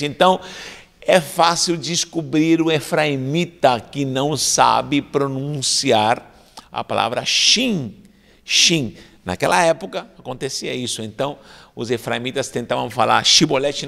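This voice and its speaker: A man's voice: on the high side, creaky, a bit bright. A man preaching a fervent sermon as a pastor, breaking into frequent exclamations of praise. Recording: long reverb of a large hall.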